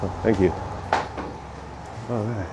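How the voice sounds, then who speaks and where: A Bosnian man with a fairly low voice speaks slowly while vlogging as a truck driver, chatting into a handheld camera in loose, slangy, profane banter. The clip is very noisy, recorded outdoors at a truck stop and in its shower room.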